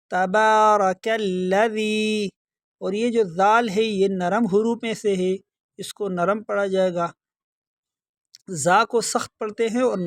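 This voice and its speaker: A man with a high voice teaches recitation, explaining pronunciation patiently and repeating words slowly. The sound is dry and close, with no room echo. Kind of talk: tajweed lesson, explaining then chanting verses slowly.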